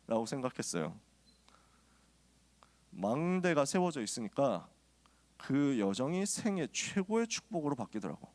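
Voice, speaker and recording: A male pastor preaching to a youth group, telling personal stories in a casual, joking way before urging his listeners on. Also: on the high side. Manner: lively storytelling, casual and joking, then exhorting.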